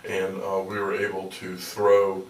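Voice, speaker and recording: Low, even-toned middle-aged American man, echoey. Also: measured pace. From Pittsburgh, United States. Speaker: interview guest, activist. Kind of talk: conversational radio interview storytelling. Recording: echoey room, distant from mic.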